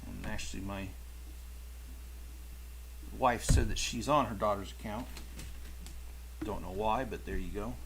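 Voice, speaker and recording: Speaking slowly in a lowish voice with vocal fry and frequent pauses, this middle-aged toy channel host chats loosely with viewers while building. He rambles and corrects himself, and the background at his rural home is noisy.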